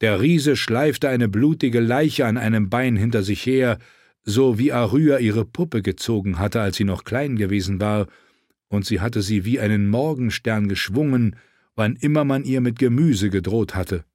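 A man with a low voice reads a novel aloud, steady and measured. The recording is close and dry with no room sound. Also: no room sound. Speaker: audiobook narrator. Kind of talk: reading a fantasy novel aloud.

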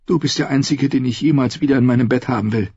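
A man's voice: medium pitch, fast talker, creaky, darkish tone, husky, no echo, pitched above the performer's own voice. A man voicing a proud, desperate adult queen in a raised voice, pleading and scornful by turns, in an audiobook reading. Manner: pleading, then scornful and biting. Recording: dull lo-fi, dry.

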